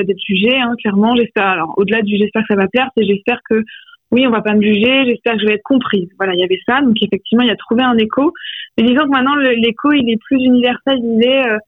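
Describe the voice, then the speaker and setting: A woman's voice: a little high, no room sound. Woman over a tinny landline phone. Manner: reflective, searching for words. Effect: heard over a landline phone line. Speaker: author interviewed about her poetry. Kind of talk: radio interview by phone. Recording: tinny, dry phone line.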